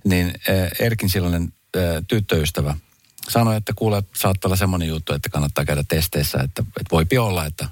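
A man hosting a casual radio chat, telling stories in an animated way with sudden jumps in pitch for emphasis. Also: hardly any pauses, no room sound, faint music behind. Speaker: radio host.

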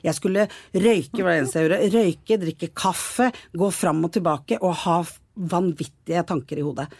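Norwegian woman, podcast co-host; husky, lowish voice, lively storyteller, close dry mic. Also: no echo. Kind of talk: casual conversation.

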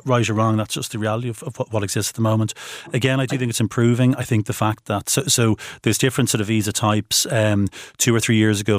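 Fast-talking man, lowish voice. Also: dry recording, studio quality. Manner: hesitant, repeats words as he starts. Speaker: recruiter, panellist. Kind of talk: panel discussion talk.

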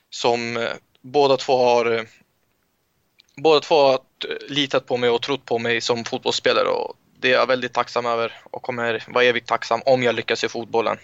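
A young footballer in a casual interview, telling stories with many halting restarts. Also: male voice, medium pitch, flat delivery, gravelly, a bit bright, clear, resonant tone, dry recording. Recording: muffled lo-fi sound, dry.

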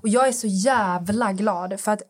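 A woman's voice: mid-range voice, husky. Candid woman telling long stories. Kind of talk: casual podcast chat.

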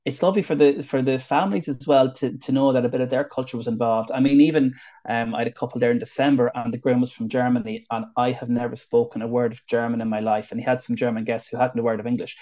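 A man's voice: mid-range voice, steady tone, fast, warm tone. A man with an Irish accent, a wedding celebrant from the northwest of Ireland, chatting in an interview with lots of fillers and restarts. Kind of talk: casual interview chat. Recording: dull lo-fi audio.

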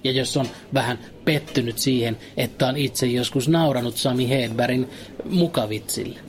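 A man delivering a deadpan comic monologue in a dry, ironic storytelling manner. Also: mid-range voice.

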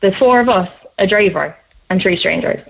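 A young woman in her twenties with a Cork Irish accent, telling a story quickly and animatedly on a radio show, often laughing. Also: mid-range voice, vocal fry, a bit bright. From Cork, Ireland. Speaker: guest storyteller. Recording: slightly dull radio sound.

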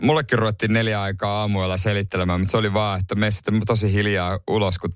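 A man's voice: on the low side, fairly even intonation, smooth, no echo, clean studio sound. Teasing male morning radio co-host. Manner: quick teasing quips. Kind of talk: casual radio chat. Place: radio studio. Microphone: studio microphone.

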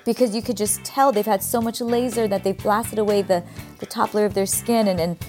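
A woman's voice: mid-range voice, fairly even intonation, a little fast, darkish tone, soft background music. A middle-aged woman with a Californian Valley girl accent, chatting casually and emphatically as an interview guest. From California, United States. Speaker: podcast guest, skincare brand founder. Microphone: video call.

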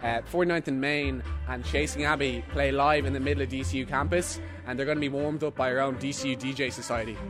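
A young Irish man in his twenties talks very quickly in a slightly high voice, giving an informal interview as a student representative. Music plays clearly behind him outdoors. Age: 20s. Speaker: students' union president being interviewed. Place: outdoors on a campus.

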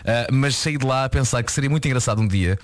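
A man in casual comic radio banter, excitable and prone to shouting. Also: mid-range voice, quick pace, dry recording, studio quality. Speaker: radio show co-host and TV quiz host.

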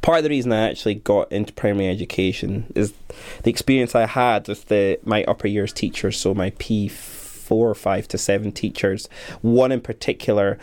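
A man's voice: lowish voice, normal speed, darkish tone. A young man who teaches primary school, talking earnestly and thoughtfully about his work in an interview. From Scotland. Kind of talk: reflective interview talk.

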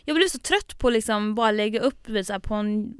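A woman's voice: mid-range voice, clean tone, no echo, studio quality. A young woman, co-hosting a podcast in casual chat. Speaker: podcast co-host.

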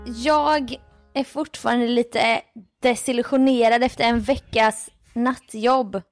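A woman who hosts night radio, chatting on a podcast and telling lively stories about her listeners with frequent laughs. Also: on the high side, faint music behind. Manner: animated storyteller, reads listener mails aloud, laughs often. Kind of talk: casual podcast chat. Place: home with building work going on.

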